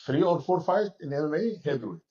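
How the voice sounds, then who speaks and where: A man in his forties from Egypt, a fighter and coach, answering interview questions in halting English with many restarts, speaking from a gym locker room. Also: fairly high pitch, lively intonation, mellow, slightly rough, lo-fi sound. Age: 40s.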